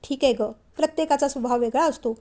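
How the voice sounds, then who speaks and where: A woman's voice: high-pitched, fast talker, natural voice. A woman voicing a stern middle-aged father. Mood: gentle. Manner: calm, then scolding.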